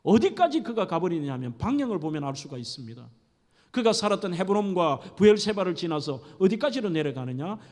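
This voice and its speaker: A man's voice: high-pitched, big pitch swings, brisk, a little mellow. A middle-aged male pastor preaching a sermon with dramatic storytelling, acting out scenes. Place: church sanctuary. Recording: echoey church hall.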